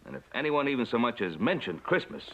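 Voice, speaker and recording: An actor playing a patriarch who reads a story aloud in a slow, expressive storytelling manner, in 1960s TV western acting. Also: male voice, medium pitch, highs cut off. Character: warm patriarch reading to a party. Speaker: father reading a story aloud. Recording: party crowd and noisy old TV soundtrack.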